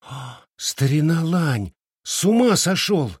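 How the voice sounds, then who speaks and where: Brief: teasing, hot-headed young village girl, voiced by a male reader, raised and sharp, dry close sound. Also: a little high, expressive, normal speed, no echo, voice pushed up. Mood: agitated. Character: bold teasing village girl, quick-tempered.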